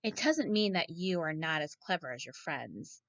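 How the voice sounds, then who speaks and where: Here a woman with a low voice and lively intonation reads a picture book to children at a normal pace, teacher-style, frequently pausing to put questions to her young audience. Her tone is fairly bright. There's no echo, though the high frequencies are missing.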